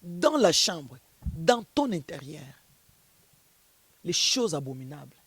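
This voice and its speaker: A woman's voice: low-pitched, very animated, slow, breathy edge. A woman pastor being interviewed, preaching and telling stories with emphasis. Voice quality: emphatic, storytelling.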